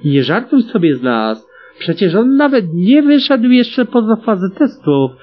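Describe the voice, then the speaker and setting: A brash young female pegasus squad leader barks out orders, as a man reads her lines. The voice is husky and lively in pitch. The recording sounds dull and lo-fi. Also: a little slow, exaggerated voice.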